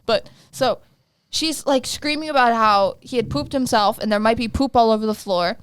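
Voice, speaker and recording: A young woman in her twenties tells a rambling, animated story as a podcast co-host, leaning on "like" at every turn. Her voice sits a little high, recorded close and dry with no room sound. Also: moderate pace, smooth, no room sound. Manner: animated, rambling, heavy use of "like". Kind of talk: casual storytelling chat.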